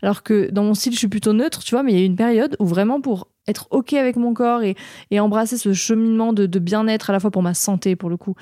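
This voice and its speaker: A woman's voice: medium pitch, fast talker, dark tone, no echo, studio quality. A woman speaking casually as the host of a conversational podcast.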